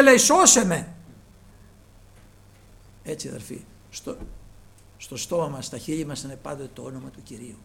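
A man preaching a sermon, emphatic and moving between loud and hushed, repeatedly addressing the brethren. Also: mid-range voice, gravelly, a little hiss or hum.

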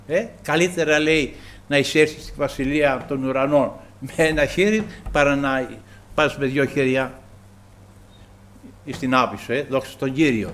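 A man preaching a sermon to his congregation, halting often with filler sounds and repeating praise to the Lord. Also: medium pitch, a bit bright, a little hiss or hum.

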